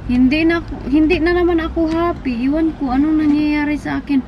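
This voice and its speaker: A woman's voice: high-pitched, fairly even intonation, a little fast, dull audio. A woman with a Filipino accent chatting casually to her viewers in a family vlog, speaking to the camera from her phone between moments with her kids. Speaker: family vlogger. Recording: roomy, distant phone mic with background noise.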